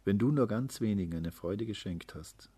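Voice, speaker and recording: A man voicing a gentle mother who speaks in a soft, soothing way. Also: lowish voice, lively intonation, normal speed, husky. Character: gentle comforting mother day.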